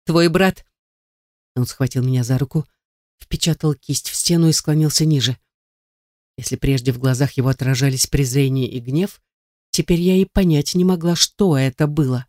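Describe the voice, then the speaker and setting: A narrator reading a first-person novel in a steady, even way. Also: mid-range voice, no echo, clean studio sound. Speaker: audiobook narrator.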